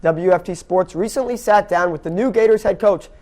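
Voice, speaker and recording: High-pitched and a little mellow, the young man speaks a bit fast as he anchors a scripted sports newscast. He also works as a play-by-play announcer, and the clip includes baseball commentary.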